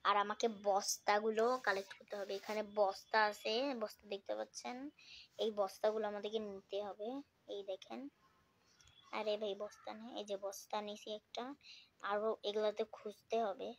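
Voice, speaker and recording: A woman giving casual, chatty commentary while playing mobile games, often dropping into a hushed whisper. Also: mid-range voice, little pitch movement, normal speed. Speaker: gaming vlogger.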